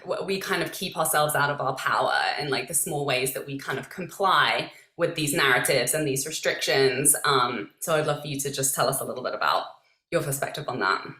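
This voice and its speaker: A woman's voice: extremely low pitch, brisk, sharp tone, reverberant. A woman hosting a casual interview, reflective and thinking aloud. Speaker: host.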